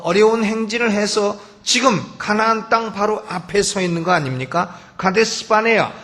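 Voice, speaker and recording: A man's voice: high-pitched, a bit bright. A man preaching a Sunday sermon from the pulpit, emphatic, telling stories and asking rhetorical questions. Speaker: pastor. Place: church sanctuary. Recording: long church hall reverb.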